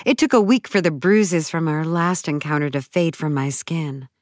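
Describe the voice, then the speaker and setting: A woman narrating a first-person audiobook story in a measured, dramatic way. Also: low-pitched, darkish tone, no echo, clean studio sound.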